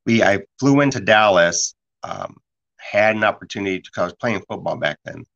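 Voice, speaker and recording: A man hosting a casual conversation, telling stories in a rambling, lively way full of restarts. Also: on the low side, a little fast, vocal fry. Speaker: podcast host. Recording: dull lo-fi sound.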